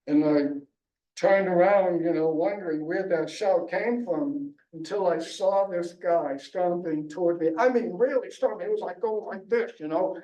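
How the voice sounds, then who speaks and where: Male author, wry storyteller at a library reading, mellow and unhurried, distant roomy sound. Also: high voice. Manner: storytelling, wry, chuckles often. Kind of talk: reading his own memoir aloud at a book launch. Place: library event room. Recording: echoey room, distant mic.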